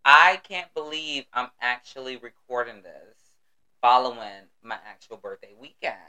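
A man's voice: mid-range voice, animated, normal speed, sharp tone, clean tone, poor audio. An American man hosting a casual solo podcast, with a sassy, exuberant manner and salty, slangy talk. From United States. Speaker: podcast host.

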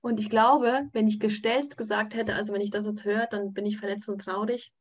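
Husky-voiced woman telling a personal story. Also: medium pitch, fairly even intonation, fairly quick. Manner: hesitant, many fillers and restarts. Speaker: course participant.

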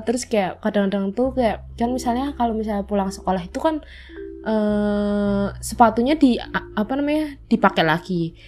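A woman's voice: fairly high pitch, a little mellow. A young woman hosting a podcast, telling childhood stories in a chatty, filler-heavy way and acting out old quotes. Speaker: podcast host. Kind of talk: casual storytelling chat.

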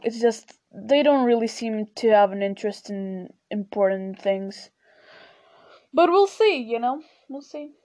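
A teenage girl from Portugal, a native Portuguese speaker, hosts a podcast, rambling sleepily in a casual personal chat and saying "you know" a lot. Her voice is a little high and a little mellow.

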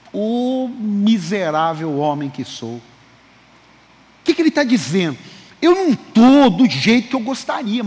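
Animated pastor preaching in a reverberant hall. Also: male voice, high voice. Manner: lively, calls for amens and applause, acts out dialogue. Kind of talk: sermon. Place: church sanctuary. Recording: long reverb of a church hall.

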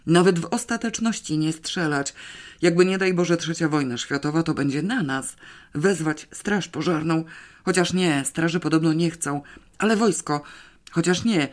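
A flustered small-town police commander in a storybook reading, barking loud orders and then taking them back, as the narrator puts him on. He blusters with nervous authority and never settles on a plan. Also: medium pitch, natural voice.

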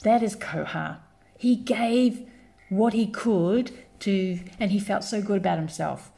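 Speaking slowly in a gravelly, dark, mid-range voice, a London-born woman raised in New Zealand explains her community work on a conversational podcast. She tells it earnestly, like a story, and keeps restarting her sentences.

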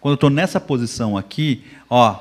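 Energetic man hosting a live. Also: mid-range voice, brisk. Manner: energetic, demonstrates with gestures, addresses viewers. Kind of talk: casual live panel talk.

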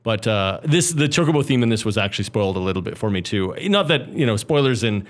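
A man co-hosting a casual video game podcast, chatty and quick to laugh, trailing off with fillers. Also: lowish voice, lively intonation. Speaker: podcast co-host. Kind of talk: casual chat.

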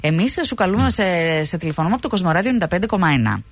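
A woman with a Thessaloniki accent hosting a morning radio show, teasing and chatting quickly with callers. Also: on the low side, very animated, no echo. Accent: Greek from Thessaloniki. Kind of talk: lively morning radio chat with prank calls.

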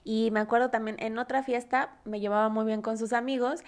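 A young Mexican woman telling stories in casual chat, slangy and animated. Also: on the high side, brisk. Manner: slangy, animated storytelling with acted-out cries.

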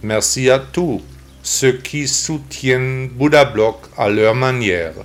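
A man's voice: medium pitch, slow. A male text-to-speech computer voice reading the scripted intro and outro of a podcast as its host. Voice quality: even, machine-made delivery. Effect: synthetic computer voice, text-to-speech.

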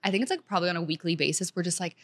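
A woman's voice: fairly low pitch, very fast. A young woman in her twenties from Senegal, talking as a guest in an upbeat, chatty way full of "like". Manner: chatty, upbeat, heavy use of "like". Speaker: guest, content creator. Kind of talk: casual chat.

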